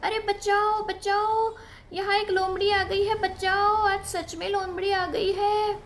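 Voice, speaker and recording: A high, squealing little lamb, a prankster who loves a joke, as a woman puts him on. The voice is bright and piping, in a storybook puppet tale with a faint hiss behind it. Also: takes it slowly, exaggerated voice. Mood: crying for help. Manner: high squealing cries and giggles. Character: playful young lamb, prankster.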